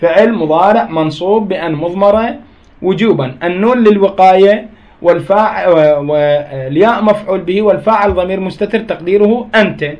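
Male teacher, high pitched, patient and repetitive explainer. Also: fairly quick, dull audio. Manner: reads a passage, then re-explains it with repeated examples. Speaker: Arabic grammar teacher. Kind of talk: explaining a grammar text line by line.

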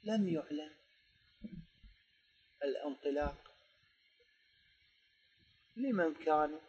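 A man with an Iraqi Arabic accent teaches a grammar lesson, dictating slowly and quizzing students before answering his own questions. His voice is on the high side, darkish and slightly rough, and the audio quality is poor.

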